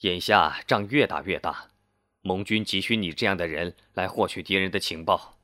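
A man voicing a calm, friendly middle-aged police chief who explains things at length in a smiling, reassuring way. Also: sits low, normal speed, no room sound, clean studio sound.

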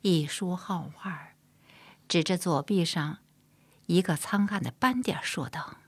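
A woman narrating a historical novel in a measured, soft-spoken storytelling style. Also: fairly low pitch, slightly rough, no echo. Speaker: audiobook narrator.

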